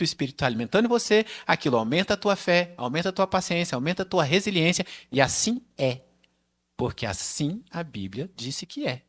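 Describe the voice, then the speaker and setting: A man's voice: high-pitched, fairly bright tone. A male pastor with a Brazilian Portuguese accent preaching a conversational sermon, acting out dialogue in different voices and laughing along the way.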